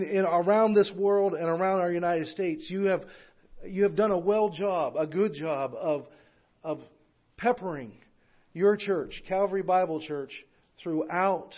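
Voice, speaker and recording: A man's voice: fairly high pitch, muffled recording. A man speaking as a missionary guest at a church, talking earnestly with frequent restarts, his voice climbing as he preaches. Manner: earnest, with rising preaching intensity; hesitant, with repeated restarts. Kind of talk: sermon.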